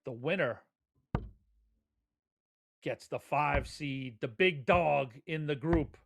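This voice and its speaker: A man's voice: a little high, takes it slowly, gravelly, a bit bright. A man giving live darts commentary in a conversational, folksy way. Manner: conversational, folksy turns of phrase.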